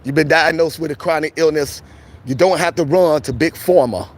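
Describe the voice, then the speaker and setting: A man's voice: on the high side, moderate pace. A man vlogging on a city street, greeting passersby in upbeat slang while losing his voice. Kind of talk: casual street chat.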